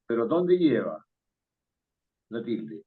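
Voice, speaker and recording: A man's voice: mid-range voice, very animated, slow pace. A man teaching an online spelling class, patient and questioning, chuckling now and then. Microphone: video call. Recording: tinny phone-like call audio.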